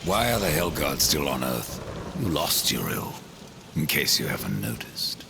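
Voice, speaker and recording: A man voicing Death, a grim, sardonic Horseman in a video game cutscene, terse and dry, with a gravelly voice. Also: sing-song, unhurried, noisy background, full character voice. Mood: dryly sardonic. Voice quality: deep, gravelly. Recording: loud music under the voice.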